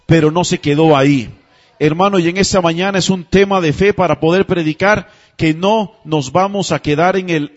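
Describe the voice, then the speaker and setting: A man's voice: sits high, lo-fi sound. A man preaching a sermon, chatty and full of rhetorical questions, who keeps asking the congregation to repeat phrases after him. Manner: conversational, asks rhetorical questions. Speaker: pastor.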